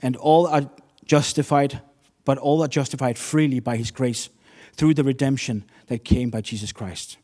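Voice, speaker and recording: A man's voice: mid-range voice, steady tone, normal speed, hardly any pauses, mellow. Earnest man preaching a sermon. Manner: earnest, storytelling with non-native English phrasing.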